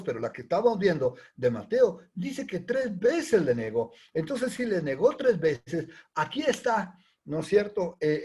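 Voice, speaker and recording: A man preaching a sermon, animated, acting out quoted prayers and dialogue. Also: on the high side, husky.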